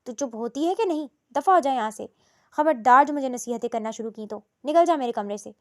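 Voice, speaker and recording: A woman voicing a harsh, abusive middle-aged husband who talks in curt, scolding, drawn-out lines in a storybook reading. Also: sits high, expressive, a little mellow. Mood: angry.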